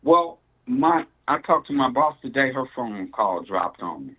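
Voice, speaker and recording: A man's voice: medium pitch, sing-song, unhurried, slightly rough. A man who is a bishop, calling in over a cell phone speakerphone, talking in a rambling, preacherly way and quoting scripture. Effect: speakerphone on a cell phone call. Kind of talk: casual talk over the phone.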